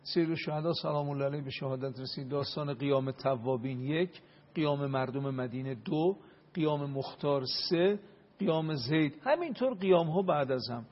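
A man giving an impassioned religious talk and prayer, building up to loud emphasis at times. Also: fairly high pitch. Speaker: religious speaker. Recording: dull lo-fi radio broadcast.

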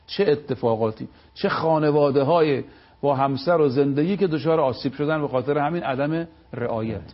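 A man giving a religious talk on a live TV program. He tells moral stories and recites sayings slowly, stressing each word. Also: on the high side, highs cut off. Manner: preaching, storytelling, slow stressed recitation of sayings. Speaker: religious speaker.

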